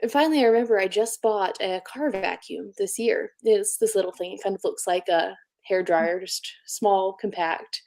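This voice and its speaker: A young woman chatting casually on a livestream, telling a story in an animated way with frequent laughter. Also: medium pitch, normal speed, hardly any pauses. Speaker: co-host of a productivity stream.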